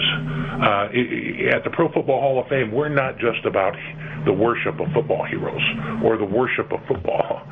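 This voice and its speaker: A middle-aged man from California, a guest on a radio interview, who talks in a halting way with many repeated words and fillers. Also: on the low side. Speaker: interview guest, museum executive. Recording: dull lo-fi radio broadcast with faint noise.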